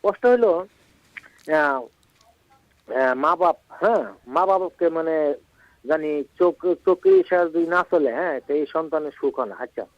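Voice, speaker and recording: A man's voice: fairly high pitch, expressive, normal speed, long pauses, dry recording. Man calling in over a muffled phone line. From Mymensingh, Bangladesh. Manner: hesitant, many fillers and checks for agreement. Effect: caller heard over a phone line on radio. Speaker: radio phone-in caller. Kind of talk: casual phone-in question.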